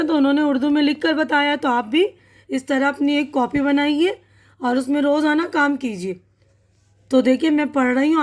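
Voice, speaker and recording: A woman with a Pakistani Urdu accent teaching English vocabulary and pronunciation, patiently reading word lists aloud and checking in with her students. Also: sits high. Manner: patient, repeats words slowly, checks in with "theek hai na".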